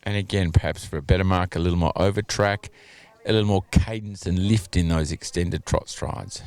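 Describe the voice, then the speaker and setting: A man giving measured, analytical commentary on a dressage test over video, hedging his judgments with "you know" and "a little bit". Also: sits low, fairly even intonation, a little mellow, no echo.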